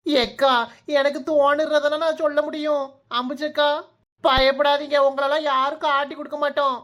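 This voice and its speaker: Woman doing a high, cheeky village girl. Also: level tone, normal speed, fairly bright tone. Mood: mock-worried. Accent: Kanyakumari Tamil. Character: cheeky young village girl, stirring trouble.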